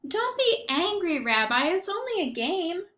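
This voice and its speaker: A woman's voice: very high-pitched, big pitch swings, a little slow, bright, forceful tone, reverberant, a little hiss or hum, voice pushed up, heavily acted. A woman voicing a kindly, fussing old grandmother who cannot see or hear well. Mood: fond. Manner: fond, fussing and sing-song. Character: kindly old woman, half blind and half deaf, chatty.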